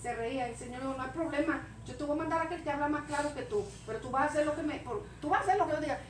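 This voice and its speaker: A woman delivers a sermon in a very high, bright-edged voice, acting out stammers and little scenes. She sounds distant from the mic, with church echo and a faint hiss behind her. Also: racing. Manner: animated, acts out stammering and scenes. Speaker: preacher. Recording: echoey church room, mic far off, faint noise.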